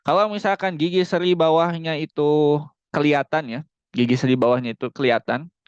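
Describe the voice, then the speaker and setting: A man teaching Quran recitation in an online class over a close mic. He explains each rule, then models the words in long, drawn-out recitation. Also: on the high side, steady tone, smooth, no echo, muffled recording. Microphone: close mic on a video call.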